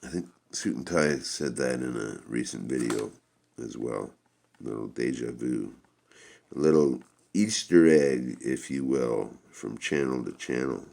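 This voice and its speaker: Male reviewer, extremely low voice with gravelly fry, rambling and halting, casual unscripted delivery. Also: darkish tone. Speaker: product reviewer.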